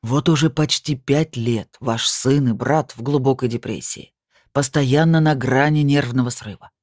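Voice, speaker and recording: A narrator voicing a calm, stern male medium who speaks slowly and gravely. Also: mid-range voice, dry recording, studio quality, lightly acted.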